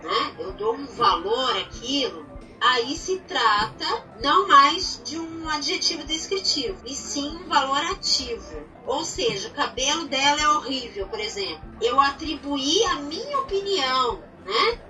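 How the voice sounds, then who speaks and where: A Brazilian woman teaches grammar in an unhurried, patient way, pausing to ask if everyone follows. Her voice sits high and sounds very bright. She is recorded from some distance, with soft music in the background. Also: expressive. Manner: patient, explains step by step with examples, checks in with "certo?".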